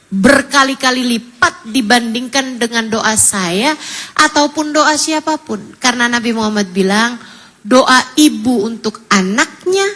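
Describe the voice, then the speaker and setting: High bright-voiced woman preaching a sermon. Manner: emotive storytelling, voice breaking into tearful pleas. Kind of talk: sermon to women.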